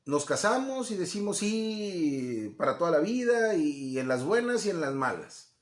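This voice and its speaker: A man's voice: a little high, very animated, a little slow. A man teaching from the Bible in a conversational way, often checking in with listeners and acting out quoted voices. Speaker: preacher. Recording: echoey room.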